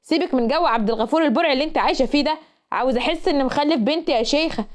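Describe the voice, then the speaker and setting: A woman's voice: high voice, racing, natural voice. A woman voicing a stern middle-aged father with an Egyptian accent, scolding firmly. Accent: Egyptian Arabic. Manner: firm, scolding.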